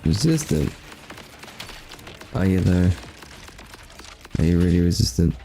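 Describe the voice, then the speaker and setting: A man's voice: low voice, sing-song, takes it slowly, vocal fry, mellow, slight background noise. A man streaming a game, joking and rambling as he plays. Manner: joking, rambling, mock impressions. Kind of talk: casual gaming commentary.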